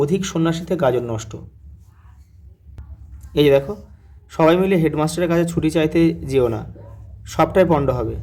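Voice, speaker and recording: A man's voice: fairly high pitch, darkish tone. A man teacher going through exam answers one by one, often saying "look" and spelling words out syllable by syllable.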